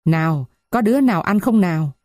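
A woman's voice: fairly low pitch, expressive, brisk, darkish tone, no echo, lightly acted. Woman reading a coarse, sulky village husband with a sneering, curt delivery, dry close read. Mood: gruff. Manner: gruff, sneering. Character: gruff, sullen peasant husband.

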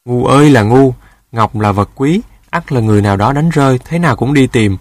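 A man's voice: medium pitch, expressive, brisk, a little mellow, dry recording, natural voice. A man voicing a sly male dog in a storybook tale who scolds and lectures in a mocking way.

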